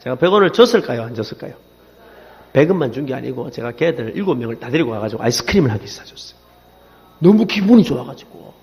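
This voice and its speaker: A man's voice: mid-range voice, very animated, quick pace, darkish tone. A man in his forties with a Gyeongsang accent preaching a sermon, telling stories with animation and calling on the congregation to repeat after him. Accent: Gyeongsang Korean. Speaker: pastor. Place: church sanctuary. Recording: long reverb in a church hall.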